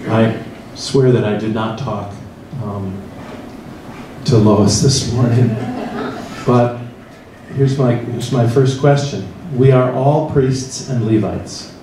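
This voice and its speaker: A man's voice: medium pitch, takes it slowly, background noise. Man, middle-aged, Midwestern American accent, church forum leader, reflective second-person storytelling, distant mic, very echoey hall. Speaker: priest leading a church forum. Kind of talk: guided meditation and interactive forum talk. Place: large church hall with tables of people. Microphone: handheld mic, filmed from far across the room.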